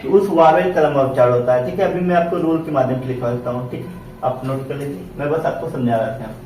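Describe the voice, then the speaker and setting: A man's voice: medium pitch, quick pace, mellow. A man teaching an English pronunciation lesson in a classroom, repeating "okay" often and asking and answering his own questions. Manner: repetitive, checks in with "ठीक है" constantly, asks and answers own questions. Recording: very echoey room, distant mic, faint noise.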